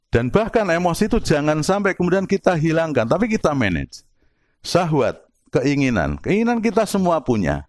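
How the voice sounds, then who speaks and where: Heard in a dry, studio-quality recording, a middle-aged man with a voice on the high side teaches Islamic philosophy in a lively religious study lecture. He relies on rhetorical questions and examples and slips in Arabic and Javanese words.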